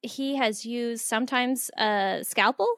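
A woman's voice: a little high, takes it slowly, fairly bright tone, no echo, studio quality. An American woman from the Southwest, a guest author on a podcast, speaking earnestly and laughing easily as she exhorts. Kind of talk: interview conversation.

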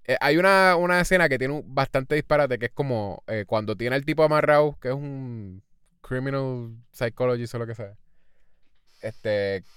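A man talks through a film review in loose, rambling podcast chat. He slips English phrases into his sentences and leans on fillers. His voice is smooth and clear, recorded close and dry. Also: medium pitch, normal speed, fairly bright tone, dry recording. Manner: rambling, mixes English words into Spanish, many fillers. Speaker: podcast co-host.

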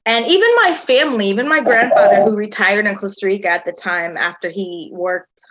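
A woman's voice: mid-range voice, a little fast, a bit bright. A woman in her thirties from the United States, a tour company founder telling her story in a chatty interview with many "um"s and "like"s. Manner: chatty, uses lots of "um" and "like".

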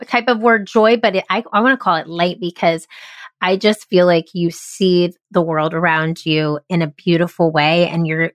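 A woman's voice: mid-range voice, no room sound, studio quality. A woman hosting a podcast interview, talking in an effusive, enthusiastic, casual way. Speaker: podcast host.

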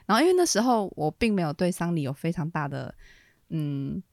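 A woman in her late twenties co-hosting a podcast, telling a personal story in animated casual chat, laughing often and restarting her sentences. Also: lowish voice, fairly quick, no echo, studio quality. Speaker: podcast co-host.

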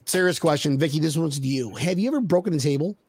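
A man's voice: on the high side, fast, darkish tone, breathy edge, no echo. A man hosting a casual podcast, rowdy and teasing, firing off questions at his guests. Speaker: podcast host.

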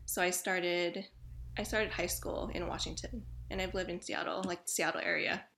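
Bubbly bright-voiced young woman. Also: fairly low pitch, steady tone, moderate pace, gravelly, slight background noise. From Hawaii. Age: 20s. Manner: bubbly, laughs often, lots of fillers. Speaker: podcast guest. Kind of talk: casual chat.

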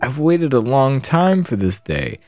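A man's voice: mid-range voice, big pitch swings, measured pace, dark tone, dry recording. A man voicing a lecherous, pompous male goblin king in a game, with a leering, gloating delivery.

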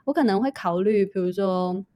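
A woman's voice: medium pitch, normal speed, mellow, dry recording. A woman guest on a podcast, a brand manager explaining step by step as she thinks aloud. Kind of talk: casual podcast interview.

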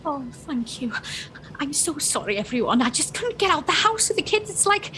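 A woman's voice: high voice, sing-song, moderate pace, pushed and bright, slight background noise, exaggerated voice. A woman playing a flustered, apologetic young mum. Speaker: flustered late gym member, a mum. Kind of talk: sitcom acting.

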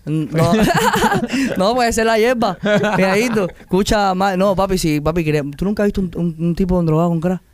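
A man with a Cuban accent, a musician telling his story as a guest in a casual interview, animated and quick to mimic other accents. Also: high voice, dry recording. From Cuba.

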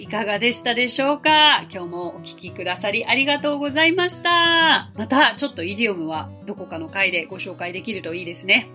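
A woman in her forties hosting a podcast English lesson, explaining clearly and gently and slowing down to model English phrases. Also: mid-range voice. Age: 40s. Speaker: English teacher and podcast host.

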